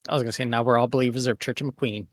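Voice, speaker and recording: A male player chats casually during a tabletop session. His pitch is ordinary for a man and the sound is dry, without room echo. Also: steady tone, racing. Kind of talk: casual chat.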